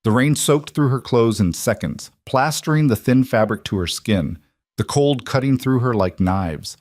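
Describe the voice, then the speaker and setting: A man reading a dramatic story aloud in a slow, heavy, measured narration. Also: medium pitch, animated, darkish tone, dry recording, studio quality.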